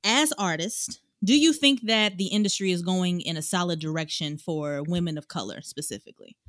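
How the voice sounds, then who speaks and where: An upbeat woman hosts a casual podcast, talking in a slightly low voice. The sound is dry and close, with no room echo behind her. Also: moderate pace, a bit bright. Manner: chatty, upbeat, says "y'all" often. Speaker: podcast host.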